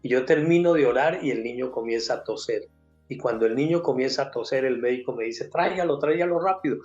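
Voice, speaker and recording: An older man shares a personal testimony at a church gathering. He tells the story earnestly and voices the people in it. The recording is a little dull, with quiet music behind him. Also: mid-range voice, brisk. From Colombia. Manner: earnest storyteller, acts out dialogue. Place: church conference.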